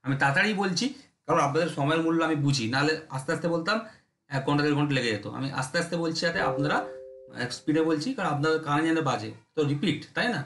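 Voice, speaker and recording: Guy drilling mcq answers fast, bit high voiced, roomy echo. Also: a bit bright. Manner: brisk, drilling, repeats checks with listeners. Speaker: exam-prep teacher. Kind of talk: rapid MCQ exam lesson.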